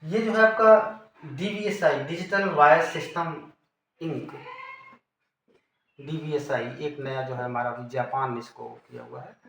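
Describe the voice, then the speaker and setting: A man with an Indian accent and a fairly high, fairly bright voice teaches an informal technical lesson, explaining concepts and repeating key terms. The room is echoey, with background noise.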